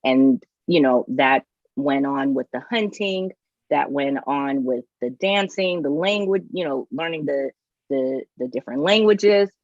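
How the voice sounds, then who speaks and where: A woman's voice: extremely low pitch, unhurried, dry recording, highs cut off. A woman co-hosting a casual podcast chat, thinking aloud and restarting her sentences. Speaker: podcast co-host.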